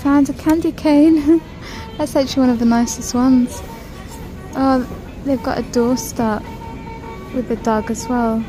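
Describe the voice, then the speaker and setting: A UK shopping vlogger walks through a large indoor supermarket on her phone for a shop-with-me video, chatting, gushing over items and reading out prices. Her voice sits high with a steady tone, a little slow, with frequent pauses. Music plays underneath and the audio is poor.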